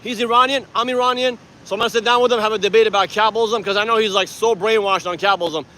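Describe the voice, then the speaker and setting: Rambling, animated man in his forties, from Iran. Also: high-pitched, racing, a little hiss or hum. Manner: rambling, animated, laughs often. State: tired. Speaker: activist vlogger. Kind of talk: casual vlog to camera. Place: city street outdoors.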